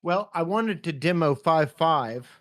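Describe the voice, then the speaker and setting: A man co-hosting a casual livestream, explaining slowly and thinking aloud. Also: a little high, expressive, no echo, studio quality. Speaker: co-host. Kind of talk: casual livestream workshop chat.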